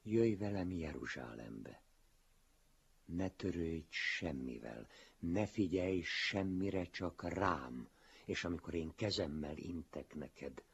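A man voicing a calm, gentle male teacher who speaks softly, at times close to a whisper, in a very husky voice. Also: low voice, exaggerated voice. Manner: soft, hushed, sometimes near whisper. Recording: dull lo-fi recording.

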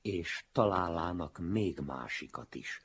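A man reading a literary story aloud in a measured, solemn way, with a very husky voice. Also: deep voice, expressive, a bit bright. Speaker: reader. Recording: dull lo-fi recording.

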